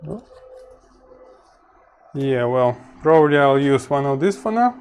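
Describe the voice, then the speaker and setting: A Ukrainian man with a Ukrainian accent hosts an electronics hobby channel, slowly musing and muttering to himself as he searches around his home workshop bench. His mid-range voice is animated, a little mellow, clear and resonant.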